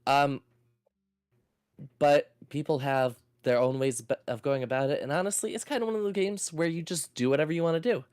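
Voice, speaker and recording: A man's voice: a little high, fairly quick, a little mellow, clear, resonant tone, no room sound, clean studio sound. A man talking casually as a co-host on a video game stream.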